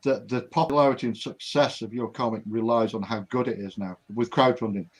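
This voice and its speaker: A man's voice: mid-range voice, fairly even intonation, fairly quick. A man comic creator in casual podcast chat, rambling and laughing easily as he talks.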